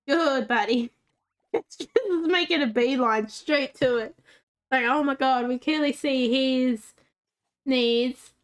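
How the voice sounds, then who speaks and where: A woman's voice: high-pitched, takes it slowly. A woman giving casual gameplay commentary and talking fondly to the pets in a game. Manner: chatty, talks fondly to the game's pets. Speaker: gaming channel host.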